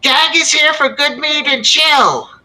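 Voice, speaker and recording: Effeminate giant-kin suitor: high feminine male lilt, bright and booming, simple-minded tabletop game character. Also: lively intonation, a little slow, a little hiss or hum, heavily acted. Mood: eager calling out. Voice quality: loud baritone pushed up high, effeminate.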